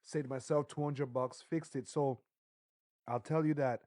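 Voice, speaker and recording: A man co-hosting a podcast, chatting casually and bursting into excited, loud stretches. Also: mid-range voice, unhurried, no room sound, clean studio sound. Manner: excitable, jumps into loud bursts, laughs often. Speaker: podcast co-host. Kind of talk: casual chat.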